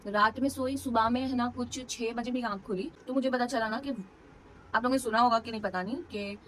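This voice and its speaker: A woman's voice: on the high side, fairly even intonation, fairly quick, a bit bright, slight background noise, low-quality recording. A young woman vlogger, casually telling a personal story to camera, emotional and full of fillers. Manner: chatty, emotional retelling with many fillers.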